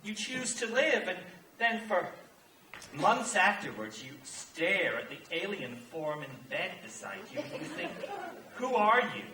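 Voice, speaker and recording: A man's voice: high-pitched, big pitch swings, measured pace, pushed and bright, a faint crowd, exaggerated voice. An actor playing a wistful male theater fan who chats and muses to the audience. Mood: musing. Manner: chatty and confiding, musing aloud. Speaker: narrator of the musical. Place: theater stage. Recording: echoey stage from far off, light noise.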